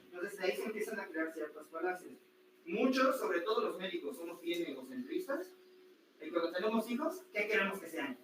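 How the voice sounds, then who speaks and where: A man teaching anatomy to a class, lively and full of rhetorical questions to his students. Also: high-pitched, a little fast. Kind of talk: classroom lecture. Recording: echoey room, distant mic, noisy.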